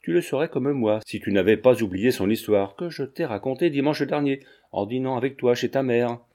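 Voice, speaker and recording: A man voicing a blustery, domineering old male lawyer who scolds gruffly, read from a classic novel. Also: mid-range voice, a little fast, warm tone, natural voice. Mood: confident. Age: older.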